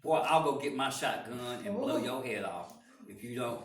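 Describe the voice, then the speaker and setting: A man voicing a gruff, menacing, heavyset older male diner owner with a drawn-out drawl. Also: mid-range voice, animated, pitched above the performer's own voice, natural voice. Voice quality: drawn-out, two-syllable drawl. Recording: echoey room, far from mic.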